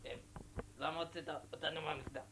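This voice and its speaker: A man's voice: on the high side, steady tone, pushed and bright. A man playing a whiny, bewildered yeshiva student. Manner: whining and mumbling. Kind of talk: amateur student comedy skit. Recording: echoey room, from afar, noisy.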